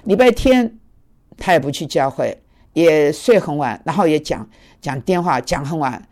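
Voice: medium pitch, animated, moderate pace, darkish tone. A preacher giving a conversational sermon, telling a personal story with many fillers and English words mixed in.

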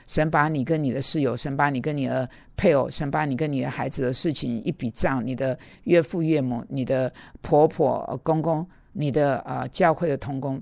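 A man's voice: on the high side, gravelly, a little mellow, no echo. A man preaching in an earnest, self-critical way, telling personal stories and talking straight to his listeners.

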